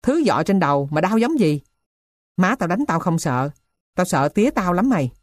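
A woman's voice: fairly low pitch, very animated, normal speed, no echo, clean studio sound. A woman voicing a bold, scrappy boy who talks back hotly. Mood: blunt. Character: bold scrappy street boy, defiant and cheeky.

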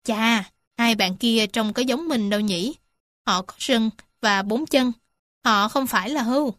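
A woman voicing a stubborn young fawn in a children's storybook reading, insistent and quick. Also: fairly high pitch, fairly bright tone, no echo, clean studio sound. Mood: pleased. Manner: insistent, then sheepish.

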